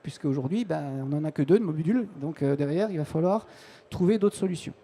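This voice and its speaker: A man's voice: on the high side, expressive, fairly quick, dark tone. A man, a technical support manager, giving a live conference presentation on a trade-show floor, informal and full of restarts and fillers.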